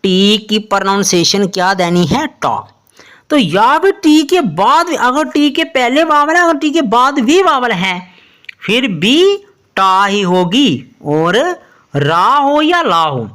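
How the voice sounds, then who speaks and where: A woman teaching English pronunciation in Hindi, spelling out letters slowly and asking the listener questions as she explains. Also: fairly high pitch, lively intonation, fairly bright tone. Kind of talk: explanatory lesson.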